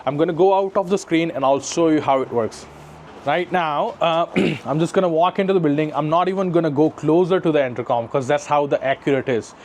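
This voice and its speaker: A man with a fairly high, darkish voice talks a little quickly over slight background noise. He's an installer giving a casual, explanatory walkthrough demo around a residential building, moving from the lobby to the parkade, and he often ends sentences with "right?" to check in.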